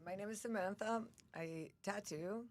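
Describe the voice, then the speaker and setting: A woman's voice: medium pitch, measured pace. A woman in her thirties chatting candidly and in a laid-back way on a podcast. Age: 30s. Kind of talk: casual chat. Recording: noisy background.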